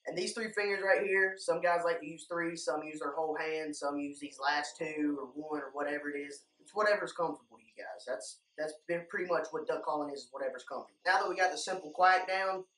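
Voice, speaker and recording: A man's voice: a little high, fairly quick, few pauses, a bit bright. A young man giving a casual, plain-spoken how-to talk to viewers as an instructor. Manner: informal, plain-spoken, addressing viewers as guys. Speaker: duck calling instructor, video host. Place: indoor room lined with duck decoys. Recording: echoey room, distant microphone.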